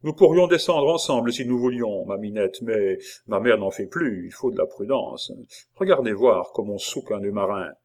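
A man voicing a swaggering convict innkeeper who talks like a salty old sailor, loud and boastful. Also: fairly low pitch, animated, normal speed. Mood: gruff boasting.

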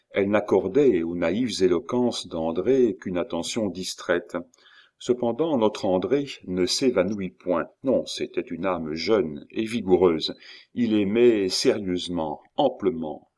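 Deep-voiced male audiobook narrator. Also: a little mellow. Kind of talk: audiobook reading of a classic novel.

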